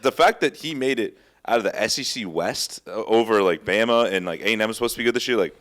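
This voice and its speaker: A man co-hosting a casual sports chat, blunt and quick to laugh, swearing freely. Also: lowish voice, a bit bright. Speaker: podcast co-host.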